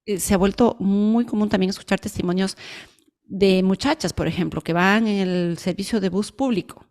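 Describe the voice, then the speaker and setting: A woman's voice: mid-range voice, normal speed, darkish tone. A woman from Ecuador with an Ecuadorian Spanish accent, speaking thoughtfully and hesitantly in a casual podcast conversation. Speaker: podcast co-host.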